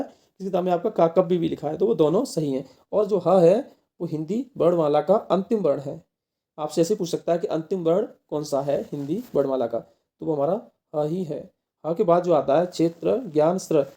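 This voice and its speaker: A man from India leads an exam-prep Hindi grammar lesson in a gravelly, slightly raised voice. His tone is hard and sharp rather than mellow. He keeps quizzing his students and then supplies the answer himself. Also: a little high. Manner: asks the class questions and answers them himself. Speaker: teacher.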